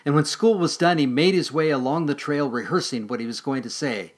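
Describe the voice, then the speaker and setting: Reading a children's tale aloud, this storyteller has a slightly high voice. He's gentle and expressive, easing his pace and softening whenever the story turns sad.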